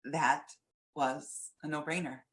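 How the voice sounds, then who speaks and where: A woman's voice: low voice, fairly even intonation, slow. A woman fitness coach giving an earnest, personal webinar testimonial from home over a webcam, with frequent fillers. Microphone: webcam on a video call.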